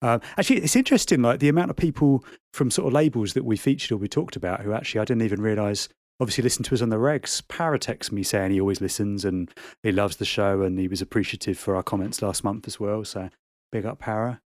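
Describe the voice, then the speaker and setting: Man, podcast co-host, rapid chatty delivery, dry close mic. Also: on the low side, no room sound. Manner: quick, chatty, laughs often. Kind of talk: casual podcast chat.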